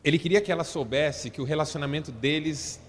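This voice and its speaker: A man's voice: on the high side, fast talker, long reverb tail. A man with a Brazilian Portuguese accent, a motivational speaker telling stories to an audience with joking asides. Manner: lively storyteller with joking asides. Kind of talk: storytelling talk to an audience.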